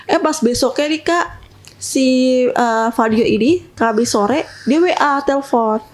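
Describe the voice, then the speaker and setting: A woman's voice: high-pitched, unhurried. A young woman casually telling a personal story to an interviewer, chatty and full of little tag words. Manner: chatty, often adds tag words and addresses the listener as sister.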